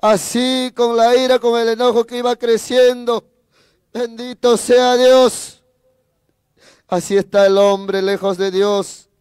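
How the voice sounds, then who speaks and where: A man's voice: very high-pitched, level tone, slow pace, a little mellow, smooth, dry recording, clean studio sound. A man giving a fervent sermon testimony as an evangelist preacher, repeating phrases, breaking in with praise, and speaking straight to his listeners. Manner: addresses listeners directly.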